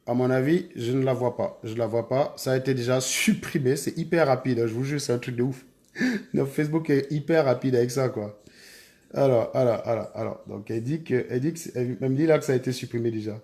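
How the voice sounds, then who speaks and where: A man's voice: medium pitch, brisk, warm tone. A man hosting a live stream, chatting casually and repeatedly urging his viewers to hurry. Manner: urgent, repetitive urging of viewers.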